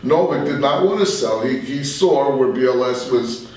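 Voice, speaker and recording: An older radio veteran, appearing as an interview guest, reminisces conversationally in an animated, slightly mellow mid-range voice at normal speed. The mic is distant and the room very echoey.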